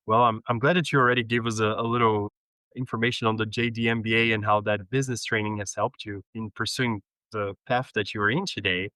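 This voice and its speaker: Male podcast host, bright forceful tone, enthusiastic, dry close mic. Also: lowish voice, fairly even intonation, fast talker, smooth, no room sound, low-quality recording. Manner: upbeat, enthusiastic interviewer. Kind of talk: casual interview.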